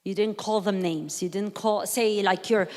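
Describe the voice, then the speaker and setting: A woman's voice: mid-range voice, fairly even intonation, normal speed. A woman leading a talk with an audience, teaching conversationally, acting out quoted voices and putting questions to the room. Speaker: speaker leading a workshop. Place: church hall. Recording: long hall reverb.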